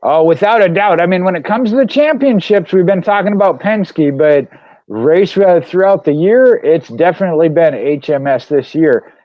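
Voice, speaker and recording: A man co-hosting a racing podcast, chatting casually and slowing down to read figures. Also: high-pitched, expressive, no echo. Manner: conversational, reads figures slowly. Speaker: podcast co-host. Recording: dry dull lo-fi mic.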